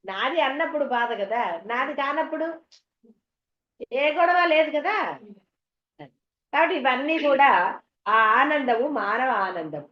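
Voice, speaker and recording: Heard in a dull, echoey hall recording, a woman with a high, expressive voice gives a devotional talk at a measured pace with frequent pauses. The spiritual teacher stays chatty, telling homely anecdotes and questioning her listeners.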